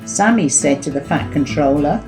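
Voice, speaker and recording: An older woman narrating a home-made children's story in a gentle, even way. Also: low voice, normal speed, faint music behind, rough recording.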